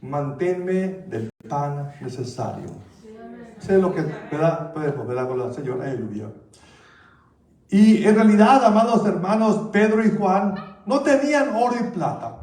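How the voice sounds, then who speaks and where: High-voiced preaching man in an echoey church. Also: sing-song, normal speed, a little mellow. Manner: conversational preaching, repeats "¿verdad?" and "con el Señor". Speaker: pastor. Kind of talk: sermon. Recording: echoey church hall, mic at a distance.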